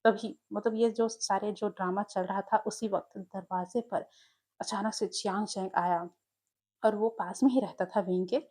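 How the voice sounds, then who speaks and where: A woman's voice: mid-range voice, steady tone, moderate pace, warm tone, slightly rough. A woman telling a fan fiction story in a casual, conversational way, talking to listeners.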